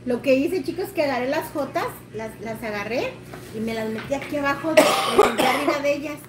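A woman with a Mexican Spanish accent, chatting casually and telling lively stories with laughter. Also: high-pitched, a little fast. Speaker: co-host, friend. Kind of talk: casual storytelling chat. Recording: echoey room with noise.

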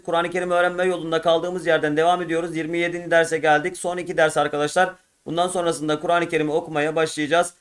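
A man teaching a step-by-step lesson on reading the Quran, repeating each word several times. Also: on the high side.

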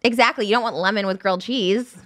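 A woman co-hosting a podcast in casual chat, excitable and gushing. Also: mid-range voice, fast talker, a little hiss or hum. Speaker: podcast co-host.

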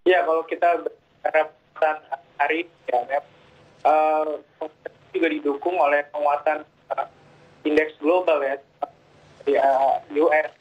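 A man's voice: on the high side, flat delivery, measured pace, long pauses. Man on a choppy, breaking-up video call. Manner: hesitant, many filler sounds. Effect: choppy video call audio that keeps breaking up. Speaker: market analyst guest. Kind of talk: live interview over video call. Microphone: remote video call. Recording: tinny, phone-like video call line.

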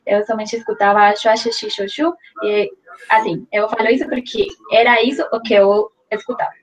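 Recorded muffled in a small room at home, a young woman from Colombia shares her story as a guest in a casual interview; she's a Portuguese learner whose native language is Spanish, and she has a Colombian accent. Her voice is a little high and steady at a moderate pace. She's hesitant, with many restarts and fillers, and laughs easily.

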